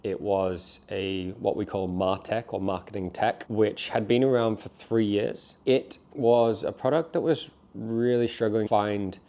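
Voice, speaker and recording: A man's voice: lowish voice, measured pace, few pauses, dark tone. A man, telling his story in a candid, reflective vlog, his voice nasal from a cold. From Australia. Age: 20s. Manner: candid, reflective, with frequent fillers. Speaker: vlogger.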